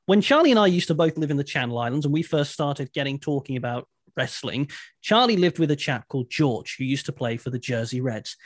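A man with a fairly high voice co-hosts a casual podcast. He talks with emphatic enthusiasm. The sound is dry and close. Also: no room sound. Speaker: podcast co-host.

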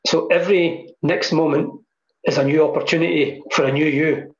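Talking thoughtfully as a guest in a reflective interview on mindfulness, a man repeats phrases for emphasis. His voice is fairly high and steady at a normal speed, picked up by a computer mic on a video call with dull, echoey audio.

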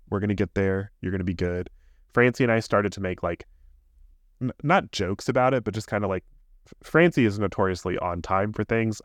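A man's voice: deep voice, dry recording, studio quality. A man in his thirties, a podcast co-host, telling a candid, rambling story in casual chat.

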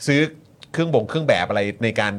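Brief: male host, quick, mid-pitch, polite and prompting. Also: animated. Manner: brisk, prompting, polite particles. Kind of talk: casual talk show chat.

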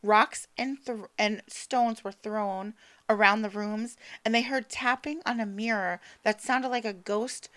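A woman's voice: a little high, steady tone, unhurried, fairly bright tone. A woman co-hosting a podcast, casually retelling a haunted-house history, tripping over names and swearing offhandedly. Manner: stumbles over names and words, laughs at herself. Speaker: podcast co-host telling the story. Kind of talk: casual storytelling chat.

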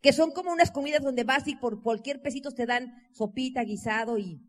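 A Mexican woman with a Mexican accent, telling her life story to an audience in an animated way, acting out dialogue and often saying "o sea". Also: high-pitched, brisk. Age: 20s. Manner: expressive, acts out dialogue, laughs, uses "o sea" and "¿no?" a lot.

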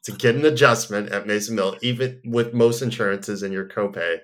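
A man's voice: lowish voice, a little fast, fairly bright tone. A man hosting a casual podcast, chatting in an easygoing, rambling way and reading a sponsor spot. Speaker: podcast host. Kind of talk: casual chat and live ad read.

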